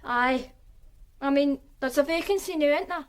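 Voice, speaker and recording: In a radio drama, an actress plays a guarded, streetwise Glasgow woman, the victim's flatmate and a witness, with a broad Glaswegian accent. Her slightly high voice, near her everyday one, answers questions at a moderate pace in a dry, sardonic, plainspoken way that reveals little.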